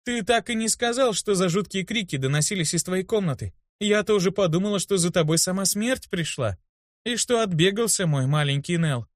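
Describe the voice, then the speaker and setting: A man's voice: high-pitched, lively intonation, dry recording, clean studio sound, voice pushed up. A man voicing a fussy young woman healer. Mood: teasing. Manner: anxious rapid questioning, scolding. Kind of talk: audiobook character voice.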